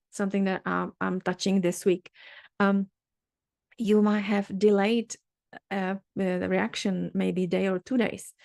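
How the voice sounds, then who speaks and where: A middle-aged woman with a Czech accent teaches a workshop session, earnest and halting, often restarting her sentences. Her pitch stays level and even. The recording is dry and close. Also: creaky, no room sound. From Czech Republic. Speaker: dermatologist leading a workshop. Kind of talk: workshop talk.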